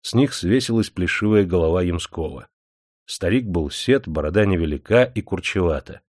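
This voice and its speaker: Man, audiobook narrator, lively rising and falling pitch, expressive storytelling, close dry sound. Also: normal speed, no room sound. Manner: expressive storytelling with many voices. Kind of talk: scripted narration.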